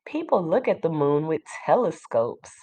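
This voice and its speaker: With a low, dark voice full of big pitch swings, a woman teacher reads a picture book to her class. She breaks off to explain simply and pose questions to the children.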